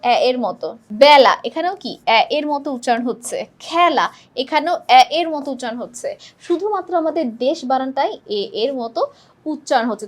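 Woman tutor, high and quick, briskly working through quiz questions. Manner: quick and brisk, often checks in with the listener. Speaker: teacher. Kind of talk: exam-prep lesson, walking through quiz questions.

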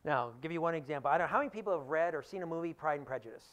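A man, an economics professor, giving a public lecture in an animated storytelling way, with acted-out quotes. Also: a little high, rapid-fire, dull audio.

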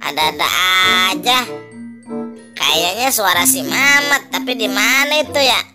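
A woman's voice: mid-range voice, a little slow, music in the background, lightly acted. A woman voicing Toing, a lazy, grumbling male ondel-ondel puppet who teases his crying friend. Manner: grumbling, teasing, bossy.

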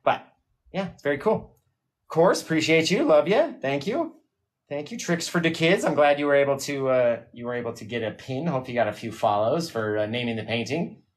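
A man in the middle pitch range hosts a live painting show from a hot home studio. He talks casually and warmly to viewers and reads out their comments as they come in. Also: lively intonation, a little fast. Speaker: painting livestream host. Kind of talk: casual livestream chat.

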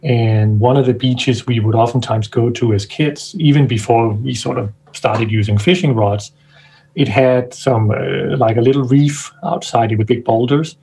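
Interviewed casually over a video call, a scientist from Denmark thinks aloud, hunting for words and frequently starting his sentences over. He talks at normal speed in a dark, mid-range voice with vocal fry, on a rough recording with a little hiss or hum.

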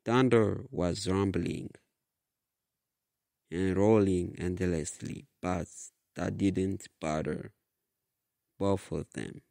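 A man reading his own story aloud in a slow, halting way with restarts. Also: sits low, fairly even intonation, vocal fry, warm tone, no room sound, studio quality. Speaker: author reading his book. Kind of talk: storybook narration.

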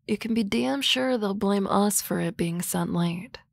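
Playing a dry-witted, teasing office-lady boss, a woman delivers ASMR roleplay with banter and gentle whispery asides right up on the mic. She speaks a little slowly in a mid-range voice with vocal fry, and the recording is dry.

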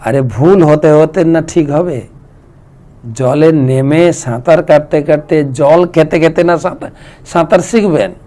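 A man's voice: fairly high pitch, unhurried, mellow. A man, a monk who reads out devotees' questions and answers them with homely examples in a devotional talk.

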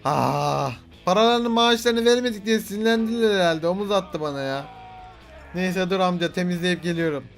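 A young man with a high-pitched voice gives playful gameplay commentary. He boasts and jokes, and he swears at the characters on screen. Faint music plays behind him. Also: steady tone, a little fast. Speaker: gaming video host.

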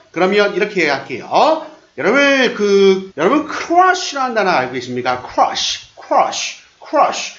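A Korean man with a high, lively voice runs an upbeat English lesson and drills each phrase slowly again and again. His voice rings in a roomy space. The sound is a little dull. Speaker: English teacher.

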